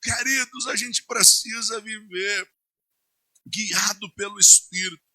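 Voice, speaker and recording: A male pastor with a Brazilian Portuguese accent preaching a sermon, swinging between loud declarations and hushed asides. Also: high-pitched, slow pace, dry recording.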